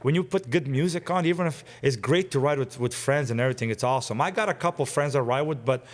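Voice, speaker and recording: Man, 40s, guest, casual storytelling, rambling, chuckles often, mid pitch. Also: fast talker.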